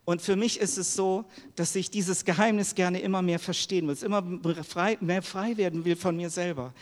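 A middle-aged man preaches a sermon in a church hall, earnest and personal, posing questions to the congregation. His voice sits high and moves at a normal speed, with long hall reverb on the recording.

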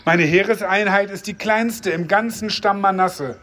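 A man's voice: high voice, measured pace, fairly bright tone. A man voicing Gideon, a frightened young farmer pleading and doubting in a read-aloud Bible story.

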